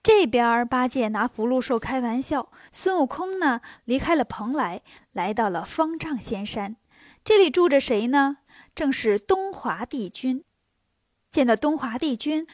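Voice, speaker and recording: A woman narrating a children's story in a lively way, switching voices for the characters. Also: high voice, no echo, clean studio sound. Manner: lively, shifting into playful voices for each character.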